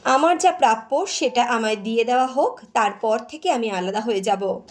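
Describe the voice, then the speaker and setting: A woman's voice: fairly high pitch, lively intonation, moderate pace, soft background music, natural voice. A woman voicing an angry, stubborn young village man in a heated, raised voice while reading a story.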